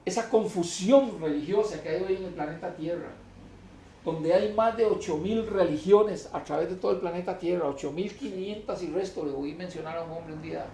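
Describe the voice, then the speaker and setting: High gravelly preacher in an echoey hall. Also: male voice, a little hiss or hum. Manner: emphatic, rising to loud declamation when reading scripture. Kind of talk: sermon.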